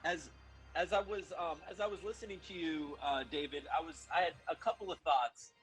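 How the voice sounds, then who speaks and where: A man moderates an online panel and puts questions to a guest. His voice sits a little higher than usual for a man. He speaks politely and haltingly, with many fillers and restarts. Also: steady tone, fairly bright tone, soft background music, poor audio.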